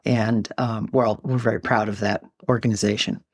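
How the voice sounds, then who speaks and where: A woman's voice: a bass voice, steady tone, normal speed, darkish tone, breathy edge, no room sound. An older woman from New York whose first language is Greek, telling stories in a chatty interview with frequent filler words. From New York, USA. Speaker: guest. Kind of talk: conversational interview.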